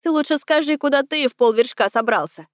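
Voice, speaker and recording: A woman's voice: high voice, brisk, no echo, studio quality, pitched above the performer's own voice, natural voice. A woman voicing a mocking young male cadet who talks in a teasing, sarcastic way.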